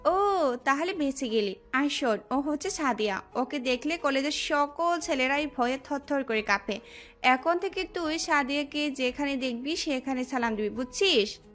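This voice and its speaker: A woman's voice: high-pitched, animated, normal speed, fairly bright tone. A woman voicing a brash, bullying young female college senior who taunts a new student in an audio drama. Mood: taunting. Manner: taunting, aggressive. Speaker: friend of the gang leader. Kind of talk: Bengali audio love-story drama. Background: faint background music.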